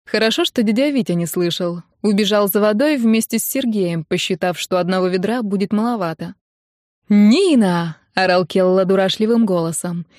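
A woman narrating a comedic first-person audiobook in a wry, lively manner. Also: mid-range voice, a little fast, hardly any pauses, no echo, clean studio sound.

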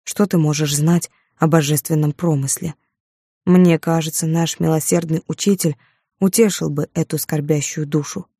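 A gentle, merciful apostle who answers softly, as a woman narrator reads him. The voice is low and mellow, recorded dry and close. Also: fairly even intonation, normal speed, breathy edge, no room sound.

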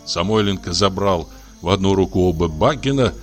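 A man narrating a classic literary audiobook in an expressive, measured reading. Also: deep voice, soft background music.

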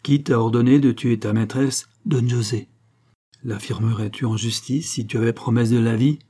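A man's voice: mid-range voice, steady tone, normal speed, mellow, natural voice. A man voicing a commanding, ruthless young adventurer who gives curt, threatening orders in an audiobook. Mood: menacing.

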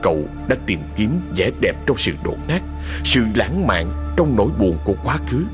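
A man narrating a sad ghost story in a slow, dramatic storytelling manner. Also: lowish voice, very animated. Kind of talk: scripted horror story narration. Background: music.

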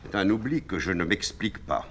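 A man voicing a calm, sly police minister who answers dryly and with irony, read from a stage play. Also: low voice, a little fast, a little hiss or hum, pitched above the performer's own voice. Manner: calm, dry, ironic.

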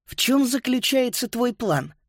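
A man voicing a timid, wary schoolgirl who speaks anxiously in a hushed voice. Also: extremely high pitch, animated, unhurried, no echo, studio quality, pitched above the performer's own voice, full character voice.

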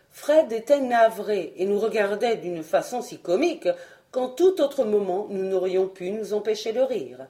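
A woman's voice: medium pitch, warm tone. A woman reading a novel aloud as an audiobook, narrating expressively in the first person. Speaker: audiobook reader.

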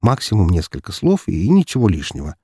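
A man narrating an audiobook in the first person, measured and dryly ironic. His voice sits low and warm, with a husky edge and animated intonation, recorded dry and close. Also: no room sound.

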